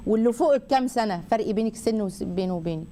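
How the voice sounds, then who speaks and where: An Egyptian woman hosting a call-in religious advice show, counseling a caller in a rapid, affectionate way and acting out little dialogues as she goes. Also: a little high, mellow. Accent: Egyptian Arabic.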